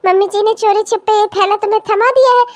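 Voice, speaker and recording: A woman voicing a jealous, sharp-tongued young daughter-in-law in a cartoon comedy, sarcastic and complaining with a falsely sweet edge. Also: very high voice, fairly even intonation, fast talker.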